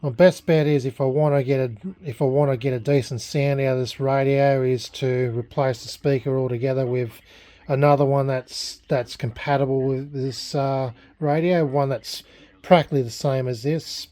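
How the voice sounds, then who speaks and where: An Australian vlogger restoring a vintage radio chats casually, rambling, blunt and self-deprecating. His voice is medium in pitch, steady and warm, at a normal speed.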